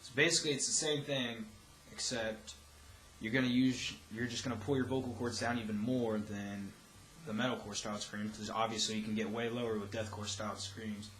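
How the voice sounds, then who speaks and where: A man's voice: lowish voice, fairly even intonation, fairly quick, fairly bright tone. A young man giving a casual, loosely rambling tutorial as a vocal instructor. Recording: roomy echo, faint background noise.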